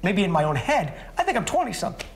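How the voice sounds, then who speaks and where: A man's voice: sits high, quick pace, gravelly. A man in his forties co-hosting a morning TV show, chatting on a studio couch and joking by repeating himself. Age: 40s. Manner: animated, jokey, repeats himself for effect. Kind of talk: lively studio chat. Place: TV studio set, seated on couch.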